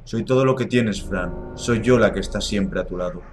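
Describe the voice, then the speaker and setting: Give me a man playing a cold, sinister imaginary friend, low and menacing. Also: moderate pace, noisy background, lightly acted.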